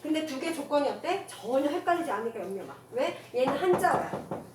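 A woman teaching a classroom grammar lecture, firing quick rhetorical questions at her students and mixing casual with polite speech. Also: high voice, very animated. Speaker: Korean language teacher. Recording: echoey room from far off, noisy.

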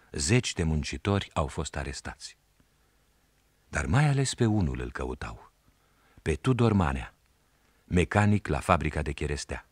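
A man narrating a historical story in a measured, storytelling manner. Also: very deep voice, no room sound.

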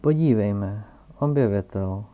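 A man reading aloud and voicing a pompous old male geographer who lectures loudly and self-importantly, captured on a dull, lo-fi recording. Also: lowish voice, steady tone, vocal fry.

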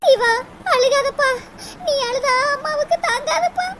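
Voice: very high voice, measured pace, background noise. A voice actor playing a worried village mother who scolds and pleads with her son, with a Tirunelveli Tamil accent. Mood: pleading. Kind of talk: amateur cartoon voice acting.

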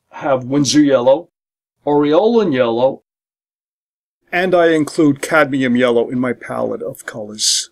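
A middle-aged man, an art instructor, calmly and methodically walks through his painting supplies, listing them one by one. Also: medium pitch, gravelly. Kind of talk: instructional demonstration. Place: home art studio, indoors.

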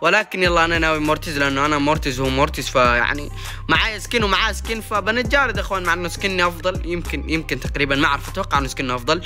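A young man giving excitable, sing-song commentary while playing a mobile game, cheering and groaning as he goes. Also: a little high, very fast, faint music behind. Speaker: gaming YouTuber. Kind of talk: gameplay commentary.

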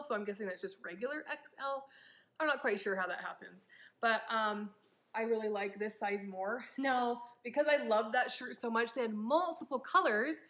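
A woman's voice: a little high, fairly bright tone. A young woman chatting casually in a try-on haul vlog, upbeat and rambling with frequent ums. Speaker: vlogger.

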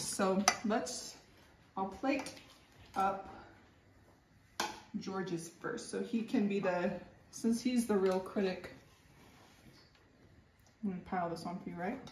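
A woman's voice: mid-range voice, unhurried, long pauses, noisy background. A woman vlogging casually at a home dinner table, chatting in a rambling way with lots of fillers. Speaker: cooking vlogger. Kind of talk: casual chat. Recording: clattering dishes at a family meal. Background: clinking dishes and cutlery.

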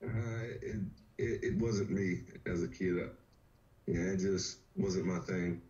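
Deep-voiced laid-back man from Virginia. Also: slow. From rural Virginia. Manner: laid-back, relaxed storytelling with "you know". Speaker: fighter, podcast guest. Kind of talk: casual interview. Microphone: webcam or laptop on a video call. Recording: dull, lo-fi video call audio.

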